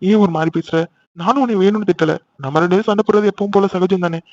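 Man playing a protective cartoon big brother, quick teasing talk, dull lo-fi sound. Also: high voice, darkish tone, close to an everyday voice. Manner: teasing then soothing, scolds playfully. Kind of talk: animated cartoon dialogue. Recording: slightly dull lo-fi audio.

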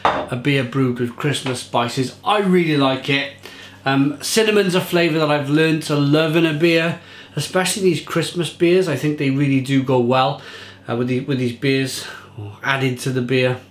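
Recorded by a camera fixed at the kitchen table, a man in his thirties chats enthusiastically at home while reviewing a beer, with fillers and restarts throughout. His pitch is medium, his speed normal, and the space is reverberant.

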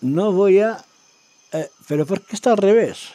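A man giving casual, excitable commentary as he plays a game, talking to himself and his viewers. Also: high voice, a little slow, dry recording. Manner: talks to himself and viewers while exploring, excitable. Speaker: gaming video creator.

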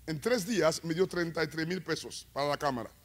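A male evangelist preaching a sermon, telling stories and rising to loud climaxes with call-and-response. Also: a little high, animated, a little fast. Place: church.

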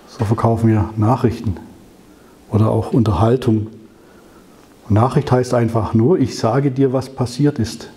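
A man giving a conversational sermon, telling the story with rhetorical questions and slowing down on key phrases. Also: mid-range voice, steady tone, dark tone. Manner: slows down to stress key phrases. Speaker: preacher.

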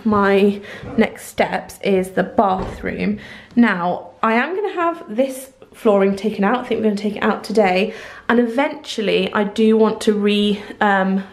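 A woman in her thirties giving a casual house-tour vlog, chatty and fond, with many ums and likes, filmed on a handheld camera at arm's length in a bare, empty house. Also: mid-range voice. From England. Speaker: vlogger.

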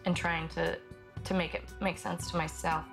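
A young woman giving documentary testimony, speaking softly and haltingly with many pauses and fillers. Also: lowish voice, little pitch movement, vocal fry. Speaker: interviewee. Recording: documentary with guitar music underneath.

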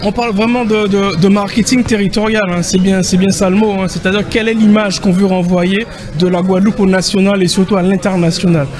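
A man's voice: high-pitched, fairly even intonation, fairly quick, few pauses. A man speaking emphatically in a press interview, with rhetorical questions and tag words. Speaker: tech association co-president. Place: indoor event room. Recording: music underneath.

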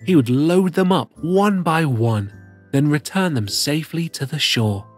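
A performer playing a cheerful plush cat hosts an expressive children's read-aloud, telling picture-book stories in a theatrical, sing-song way. The mid-range voice is animated and a little slow, with soft music in the background.

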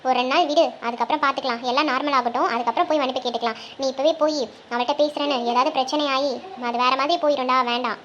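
An actor voicing a shrill, bossy best buddy. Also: fairly even intonation, rapid-fire, few pauses, a bit bright, lo-fi sound, slight background noise. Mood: advising. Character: blunt, teasing young male best friend. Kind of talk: comic cartoon dialogue.

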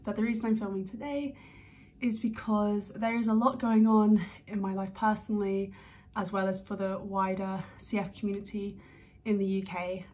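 A woman's voice: mid-range voice, fairly even intonation, darkish tone. Nervous, rambling young British woman vlogging. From United Kingdom. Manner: rambling, nervous, quick talk with restarts. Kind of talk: unedited sit-down vlog.

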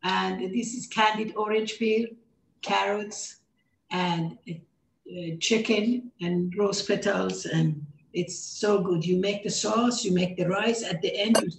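This cookbook author talks through a casual cooking demo with cheerful warmth about food and frequent laughter. Her medium-pitched voice is slow, fairly even in intonation and has vocal fry, carrying the accent of her native Persian. A little hiss or hum runs under the echoey room sound.

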